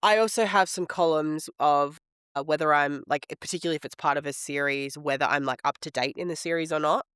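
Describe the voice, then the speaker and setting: Guy w a cold, smoker rasp, hoarse, bit higher voice, casual book podcast chat, dry sound. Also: brisk, pushed and bright, no room sound. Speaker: podcast co-host. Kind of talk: casual chat about books.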